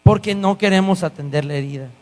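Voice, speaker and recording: A man's voice: high voice, a little fast. A male guest pastor preaching a sermon, telling stories with acted-out dialogue. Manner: animated storytelling, acting out dialogue. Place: church hall. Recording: church hall with long reverb and mains hum.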